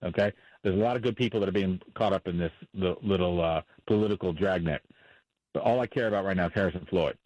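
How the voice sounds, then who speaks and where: A man's voice: low voice, fast, darkish tone, no echo, lo-fi sound. A man speaking as a defense attorney in a radio interview, blunt and impassioned, repeating himself for emphasis.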